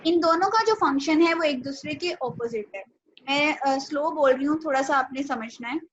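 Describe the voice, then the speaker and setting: A woman teaching a nutrition class online, explaining patiently step by step with small pauses. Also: high voice. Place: home video call. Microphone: laptop or phone mic on a video call. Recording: dull, lo-fi video call audio with faint noise.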